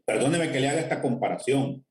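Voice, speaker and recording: A man's voice: mid-range voice, expressive, fast talker, a little mellow, reverberant, distant mic. A man with a Honduran accent giving a fervent testimony sermon online and speaking directly to his listeners. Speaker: lay preacher giving testimony. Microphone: connected online.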